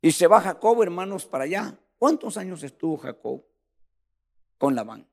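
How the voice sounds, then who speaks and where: A preacher with a high-sitting, creaky voice delivers a sermon in church at normal speed. Animated throughout, he often says "brother" to his listeners and shifts from loud passages to quiet ones.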